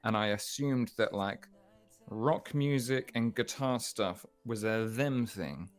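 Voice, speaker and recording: A man, a musician guest, speaking in a soft, reflective way with frequent restarts. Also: medium pitch, takes it slowly, faint music behind. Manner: soft-spoken, reflective, stammers and restarts often. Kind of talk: relaxed interview chat.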